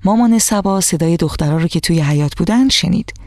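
A woman's voice: lowish voice, animated, no echo, clean studio sound. Woman narrating a children's story. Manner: warm direct address to children. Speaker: radio storyteller.

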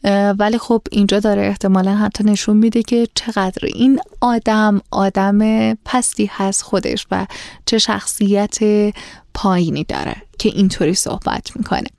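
A woman storyteller reading a classical tale aloud in a steady, formal way, stepping out now and then for casual asides. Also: medium pitch, creaky, no room sound, clean studio sound. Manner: steady, formal reading; chatty when commenting.

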